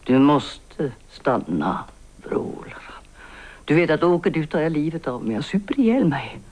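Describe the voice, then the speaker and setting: In a 1990s Swedish TV drama, an actress in her sixties plays a guilt-ridden older woman writer making a hushed, halting confession, often in a whisper. Her voice is low-pitched and sing-song.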